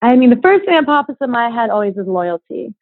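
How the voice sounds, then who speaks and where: Bubbly giggly young woman doing a casual fitness interview, kinda high voice, thin phone-like sound. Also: big pitch swings, quick pace, no room sound. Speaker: guest, fitness coach and entrepreneur.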